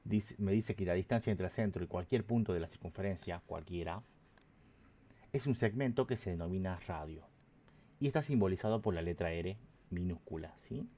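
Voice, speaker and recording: A man's voice: low-pitched, normal speed, mellow. A man teaching an online math lesson, patient and explanatory, often checking in with his students.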